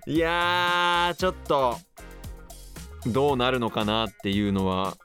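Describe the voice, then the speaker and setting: A man's voice: mid-range voice, a little slow, sharp tone, faint music behind. A man hosting his own radio show, chatting casually and musing aloud in a rambling way. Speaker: radio host. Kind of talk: casual solo radio talk.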